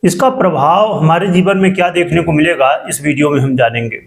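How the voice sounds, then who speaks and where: An echo trails this man's voice, which sits clearly high for a male speaker. He addresses viewers as an astrologer would, explaining things formally and deliberately, phrase by phrase. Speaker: astrologer presenting a horoscope video. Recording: echoing voice, as in a cave.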